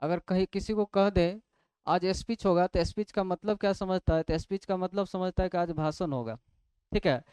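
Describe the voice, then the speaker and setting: A man's voice: high voice, normal speed, a little mellow, smooth, dry recording. A man teaching English grammar in a classroom lecture, asking questions and answering them himself step by step. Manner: explains step by step, asks and answers his own questions.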